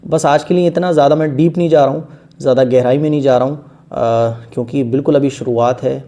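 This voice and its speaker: A man's voice: medium pitch, steady tone, dark tone. A man teaching a beginners' Quran reading lesson, explaining letter sounds patiently and stretching each letter long in one breath.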